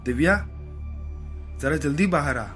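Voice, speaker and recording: A man's voice: fairly high pitch, unhurried. Evil spirit in an aunt's guise, read by a male narrator, coaxing and insistent, music bed. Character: evil spirit posing as a friendly aunt. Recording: voice over loud background music.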